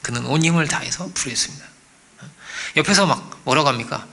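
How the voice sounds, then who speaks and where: A man preaching a sermon as pastor, animated, asking the congregation for agreement and acting out quoted voices. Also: fairly high pitch, fast, creaky, noisy background. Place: church.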